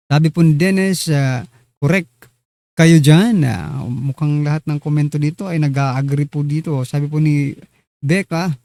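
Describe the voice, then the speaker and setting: A man's voice: a little high, mellow, dry recording. A man hosting a casual political commentary show, chatty and teasing as he talks straight to his viewers. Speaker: online news commentary host.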